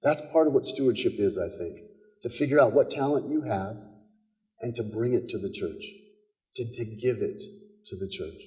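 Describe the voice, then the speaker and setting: A male pastor with an American accent preaches in an easy storytelling way, often repeating himself as he talks. His voice is mellow and relaxed at a middle pitch. It rings with the long reverb of a large church sanctuary. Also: normal speed. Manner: storytelling, conversational with quoted dialogue and repetitions. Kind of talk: sermon.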